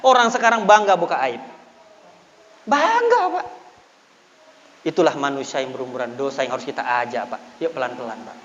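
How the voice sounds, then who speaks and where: Fast-talking preacher in an echoing prayer hall. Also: male voice, on the high side. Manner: animated storytelling, addressing listeners as "Pak". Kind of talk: sermon. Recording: reverberant hall, dull lo-fi audio.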